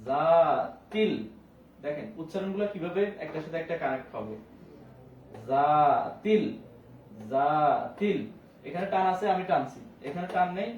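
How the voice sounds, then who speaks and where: A man teaching an online Quran recitation class, spelling out letters and vowels, then chanting words slowly with long drawn vowels. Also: fairly high pitch, recorded from a distance, highs cut off. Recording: roomy echo, voice away from the mic, faint background hum.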